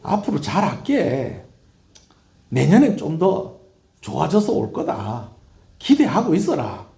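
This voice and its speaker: A sheepish grown son grumbles excuses in a Gyeongsang drawl, as a preacher puts him on. His dark, mellow voice is a little raised. It echoes in a church hall. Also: on the high side, wildly swooping pitch, slow pace, vocal fry, pitched above the performer's own voice, exaggerated voice. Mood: grumbling. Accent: Gyeongsang dialect. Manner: grumbling, placating.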